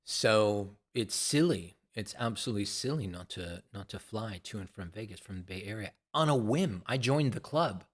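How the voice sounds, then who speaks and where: A vlogger in his sixties addresses viewers in a loose, rambling monologue, repeating phrases and swearing casually. His lowish voice has lively intonation and moves at a normal speed with hardly any pauses.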